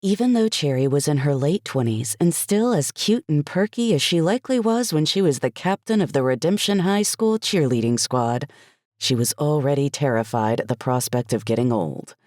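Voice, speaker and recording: A woman reading a first-person cozy mystery audiobook as an expressive, light storytelling narrator. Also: low voice, normal speed, dry recording, studio quality.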